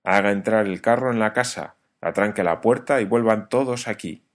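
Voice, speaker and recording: A man's voice: fairly low pitch, normal speed, natural voice. A man reading the part of a resolute male engineer who gives terse, commanding orders. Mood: urgent. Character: resolute male engineer leading armed colonists.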